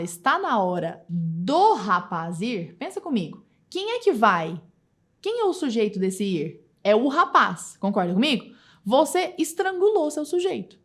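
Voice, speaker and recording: A woman teaching a recorded grammar lesson, speaking straight to the viewer with lively emphasis and slowing down to stress her examples. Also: high voice. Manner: reads quoted examples slowly with drawn-out emphasis.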